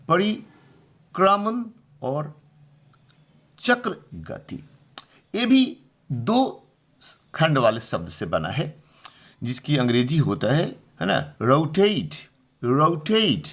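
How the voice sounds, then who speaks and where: A middle-aged man teaching pronunciation, patiently repeating each word and checking that listeners follow. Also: mid-range voice. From India. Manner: slow, patient, repeats words and asks if clear. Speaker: English teacher. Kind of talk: Hindi-language pronunciation lesson.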